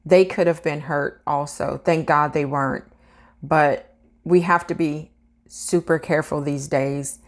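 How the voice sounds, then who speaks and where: Woman with a low voice talking to viewers. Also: fairly even intonation, unhurried. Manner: earnest, addresses viewers directly. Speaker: vlogger. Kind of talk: reading news then chatting to viewers.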